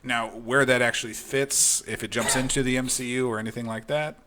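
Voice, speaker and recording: Dude on a podcast, bright forceful voice, super frank, keeps restarting sentences. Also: male voice, mid-range voice, steady tone, brisk, a little hiss or hum. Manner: opinionated, frank, restarts a lot. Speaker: podcast co-host. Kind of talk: casual chat.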